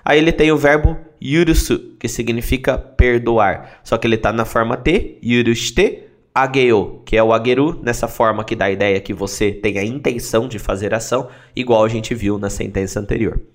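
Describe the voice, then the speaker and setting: A man leads a language lesson at a middle pitch. He works through each phrase step by step, splitting words into their parts and saying them again slowly. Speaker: language teacher. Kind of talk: explaining phrases in a lesson series.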